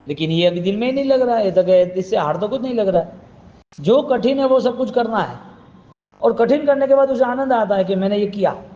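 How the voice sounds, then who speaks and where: A man's voice: sits high, mellow, long reverb tail, dull audio. A man giving a sermon as a Jain preacher, asking repeated questions and telling stories to make his point. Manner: questioning, repetitive, storytelling delivery.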